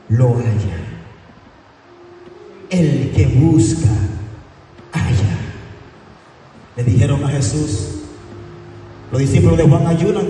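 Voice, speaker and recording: A man preaching a sermon with fervor, rising to high shouts and slowing for emphatic lines. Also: slight background noise. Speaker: evangelist preacher. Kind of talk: Spanish-language sermon. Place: large echoey hall. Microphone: distant from the mic. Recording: echoey hall recording from far off with faint ambience.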